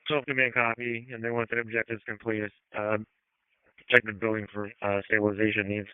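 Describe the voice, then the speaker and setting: Male fire battalion chief, clear and level, brisk procedural firefighter radio traffic, dry band-limited sound. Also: fairly low pitch, monotone, no echo. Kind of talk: fire radio dispatch traffic, clipped commands. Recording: narrow-band two-way radio transmission.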